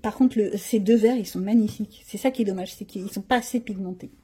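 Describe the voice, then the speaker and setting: Speaking quickly at medium pitch, this middle-aged woman has a mellow voice with a breathy edge. It's a casual show-and-tell: she demonstrates her art supplies, musing aloud and tossing in frank slang.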